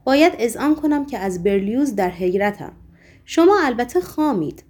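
A woman voicing a weary, sorrowful man who speaks calmly, earnestly and apologetically. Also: a little high. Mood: calm, sad.

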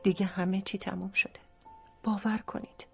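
Brief: actress as a pious young woman, soft-spoken but firm, mid-range voice, faint music behind. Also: mid-range voice, slightly rough, natural voice. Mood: subdued. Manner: soft, earnest and resolute. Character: devout, heartbroken young woman. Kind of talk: radio drama acting.

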